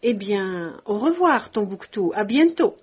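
A woman voicing a composed, stern but kindly male army commandant who tells his story in a measured way, on a dull lo-fi recording. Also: medium pitch, big pitch swings, husky.

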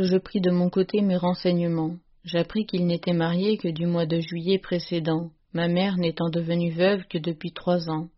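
Woman, story reading, steady and measured, low voice, flat delivery, muffled lo-fi recording. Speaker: reader.

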